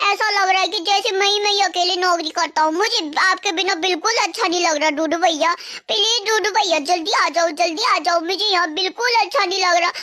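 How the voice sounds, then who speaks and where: A woman's voice: extremely high pitch, fairly quick, hardly any pauses, bright, forceful tone, dry recording. A woman voicing a lonely young male office worker in a comedic dub, pleading and repeating herself. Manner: pleading, repetitive whining.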